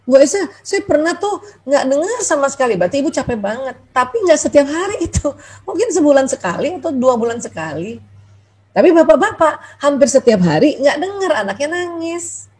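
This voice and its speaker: A middle-aged woman doctor giving a lively, chatty parenting lecture over a video call, often acting out quoted thoughts. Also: high voice, a little fast. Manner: chatty, animated, acts out quoted thoughts with laughs.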